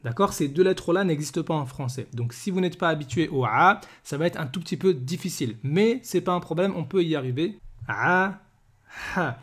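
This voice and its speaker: A man teaching Arabic letters step by step, patiently repeating each sound slowly and often checking that the listener follows. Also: on the high side, animated, fairly bright tone. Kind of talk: step-by-step pronunciation lesson.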